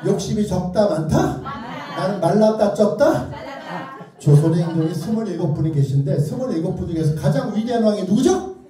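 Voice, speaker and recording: This male children's author speaks in a high, expressive, fairly quick voice with a warm tone. Playful and theatrical, he turns his lecture interactive by prompting listeners with either-or choices. The room is an echoey indoor lecture space, recorded from afar in a very reverberant hall.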